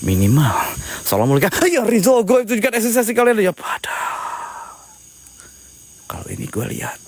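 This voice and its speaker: A man livestreaming a ghost hunt outdoors at night. He chats to his viewers, recites incantations and asks them to share the stream. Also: high-pitched. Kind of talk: live ghost-hunting stream talk. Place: outdoors at night at a haunted spot.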